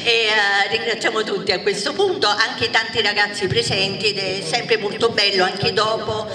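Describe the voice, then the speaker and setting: A woman's voice: medium pitch, steady tone, moderate pace, crowd noise. Hesitant middle-aged woman in an echoey hall. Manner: hesitant, full of filler sounds and restarts. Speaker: association president giving thanks. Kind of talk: improvised welcome speech. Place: large indoor hall at a public book presentation. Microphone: handheld microphone. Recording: echoey hall from a distance with audience noise.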